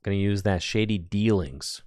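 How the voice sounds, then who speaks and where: A man's voice: fairly low pitch, normal speed, a little mellow, dry recording, clean studio sound. A man giving casual play-by-play commentary on a card game tournament, chatty and thinking aloud as he goes.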